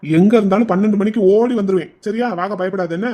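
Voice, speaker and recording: A grumbling cartoon driver uncle. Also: male voice, high-pitched, quick pace, warm tone. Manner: grumbling, scolding but kind. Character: grumbling kindly man driving the child, scolding. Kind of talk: cartoon voice acting.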